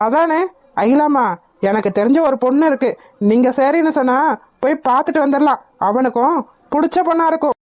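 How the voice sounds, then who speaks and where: A woman's voice: high voice, a little fast, a little mellow, close to an everyday voice. A woman voicing a meddling, teasing relative in a cartoon who provokes the others with mocking remarks. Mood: needling.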